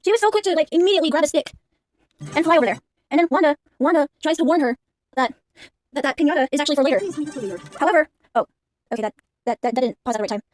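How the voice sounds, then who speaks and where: A woman's voice: high voice, racing, long pauses, faint music behind. A young woman giving casual movie commentary in a rambling way, full of fillers and restarts. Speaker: movie reaction vlogger.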